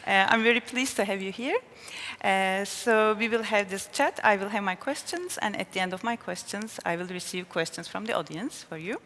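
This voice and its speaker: A woman's voice: mid-range voice, normal speed, a bit bright. A woman with a Turkish accent, moderating a conversational panel interview in front of an audience. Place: large conference hall. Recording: long hall reverb.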